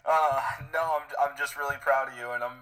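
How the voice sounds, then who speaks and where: Male podcast co-host, mid voice, calm and supportive, a little off mic. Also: brisk, smooth, low-quality recording. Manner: low-key, encouraging, warm reactions. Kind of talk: casual chat.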